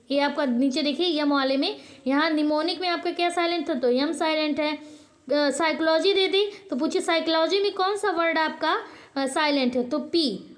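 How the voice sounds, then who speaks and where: A woman teacher giving an online lesson, repeatedly asking a question and then answering it herself, with frequent hesitations and self-corrections. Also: sits high. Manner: drills by asking and answering her own questions. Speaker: channel host.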